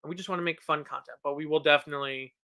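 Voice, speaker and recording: A man in his thirties chats casually on a fan podcast. His voice is bright and clear. He rambles, restarts his sentences and pokes fun at himself. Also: fairly high pitch, fairly even intonation, very fast. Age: 30s. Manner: rambling, self-deprecating, with frequent restarts and laughs. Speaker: podcast co-host. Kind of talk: casual chat.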